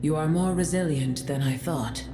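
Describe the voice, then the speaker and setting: A woman's voice: low voice, lightly acted. A woman voicing Apep, a haughty ancient dragon. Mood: disdainful. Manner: haughty, contemptuous, slow and deliberate. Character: proud ancient female dragon, scornful and cold. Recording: roomy echo over game music.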